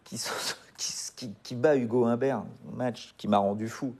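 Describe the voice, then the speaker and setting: A man co-hosting a tennis betting stream, lively and jokey, breaking into excited outbursts. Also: medium pitch, normal speed, vocal fry. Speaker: tennis commentator. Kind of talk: casual betting chat.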